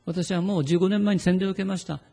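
A male pastor delivers an earnest, pleading sermon in a dark, gravelly voice. Now and then he slows to lead a prayer read aloud. A long reverb from the church hall trails behind his words. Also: high-pitched, steady tone.

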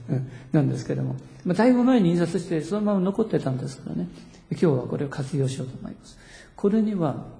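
A male pastor preaching to a congregation, gently coaxing and asking them questions. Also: on the high side, gravelly. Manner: gentle, coaxing, asks the audience questions, chuckles. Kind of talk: sermon to a congregation. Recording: roomy hall reverb.

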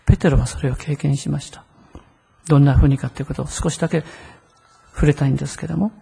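A man's voice: a little high, steady tone, fast, vocal fry, dark tone, breathy edge, long reverb tail. A man preaching a sermon in a conversational way, often asking the listeners rhetorical questions. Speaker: pastor.

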